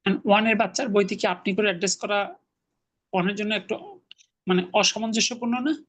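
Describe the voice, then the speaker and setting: A man's voice: high voice, brisk, a bit bright. A man teaching an Arabic class online, patiently explaining grammar and correcting his students' pronunciation.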